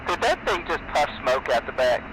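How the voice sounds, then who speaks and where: A man's voice: a little high, very animated, normal speed, background noise. A man giving short, clipped wingman calls over a flight-sim radio channel.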